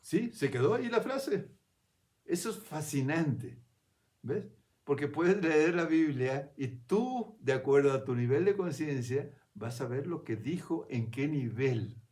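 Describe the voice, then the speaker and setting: A man with a slightly raised voice gives a reflective spiritual talk. He speaks in an unhurried, conversational way and often turns to his listener for a quick nod. He restarts phrases as he works his thoughts out aloud. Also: on the high side, expressive, darkish tone. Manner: conversational, keeps checking in with "¿ves?" and "¿no?".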